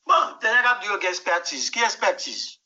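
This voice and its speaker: Emphatic Haitian-accented man, high bright voice. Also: very animated, moderate pace, muffled recording. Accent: Haitian Creole. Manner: emphatic, repeats words, tells anecdotes with quoted dialogue. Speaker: musician guest. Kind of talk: animated interview answers.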